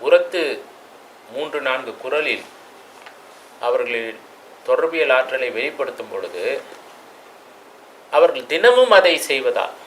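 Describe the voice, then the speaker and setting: Man, lecturer, bright clear voice, reflective, rhetorical questions, faint background hum. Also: mid-range voice, sing-song, unhurried, long pauses, low-quality recording. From Tamil Nadu. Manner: reflective, with rhetorical questions and sudden loud stresses. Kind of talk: classroom lecture.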